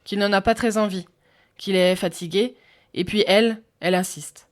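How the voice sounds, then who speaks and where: A woman's voice: medium pitch, fairly even intonation, normal speed, natural voice. Woman voicing a cheeky young assistant. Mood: chatty.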